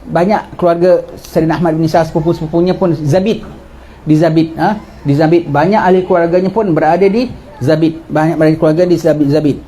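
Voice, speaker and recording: A middle-aged man giving a religious lecture, telling history in a lively way and asking and answering his own questions. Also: a little high, a little fast, a little hiss or hum.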